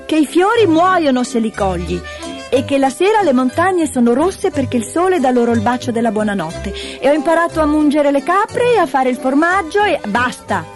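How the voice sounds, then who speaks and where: A woman's voice: high voice, big pitch swings, moderate pace, pitched above the performer's own voice. A woman voicing a spirited, homesick little mountain girl in a storybook reading, raising her voice to sound childlike. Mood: eager. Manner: eager, raised childlike voice. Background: background music.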